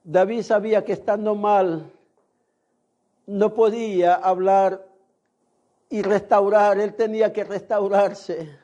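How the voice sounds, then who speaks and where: Male pastor, very high voice, slow emphatic sermon delivery, dull lo-fi recording. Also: little pitch movement. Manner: slow, emphatic preaching, sometimes rising to a shout.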